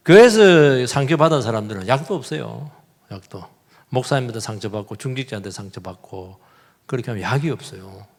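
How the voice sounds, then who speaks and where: Animated raspy pastor in a reverberant church. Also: male voice, mid-range voice, a little fast. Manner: animated, acts out quoted voices, shifts between loud and hushed. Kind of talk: sermon. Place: church sanctuary.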